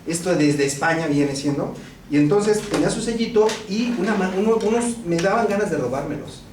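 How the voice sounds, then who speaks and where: A man's voice: high-pitched, lively intonation, a little fast. A Mexican man giving a casual, anecdote-filled law lecture to a class, peppering his talk with rhetorical questions. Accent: Mexican Spanish. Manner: conversational, anecdotal, frequent rhetorical "¿no?". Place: university classroom. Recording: echoey classroom, distant mic, noisy.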